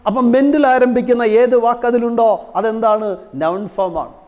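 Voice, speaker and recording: A man's voice: extremely high pitch, a little fast, warm tone, highs cut off. A male teacher giving a classroom lesson, asking rhetorical questions and slipping English terms into his explanations. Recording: long hall reverb.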